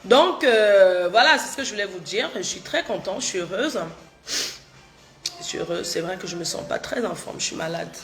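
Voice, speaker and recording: Animated and fairly bright in tone, a mid-range female voice speaks at normal speed. It belongs to a middle-aged livestreamer from Cameroon with a cold, casually chatting, repeating herself and answering viewers directly.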